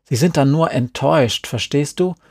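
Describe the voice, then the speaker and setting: A man's voice: on the high side, normal speed, darkish tone, husky, no room sound. A man voicing a sulky, irritated young boy as he reads a story aloud. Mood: annoyed.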